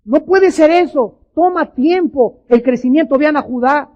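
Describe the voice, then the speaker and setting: A woman's voice: high-pitched, measured pace, darkish tone. A woman preaching a sermon, emphatic and repeating words for stress. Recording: dull lo-fi archive recording.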